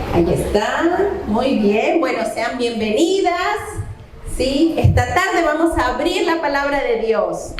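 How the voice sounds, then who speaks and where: A woman's voice: high voice, noisy background. A middle-aged woman from the coast of Ecuador, giving Bible teaching and prayer at a women's conference and asking her listeners questions directly. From Santo Domingo, Ecuador. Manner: addresses the audience directly with questions. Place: church hall. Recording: echoey church hall.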